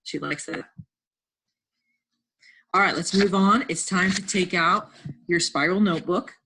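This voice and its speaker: A woman's voice: on the low side, unhurried, bright, forceful tone, a little hiss or hum. A woman teacher giving a lesson from home, patiently sounding out words and encouraging her class.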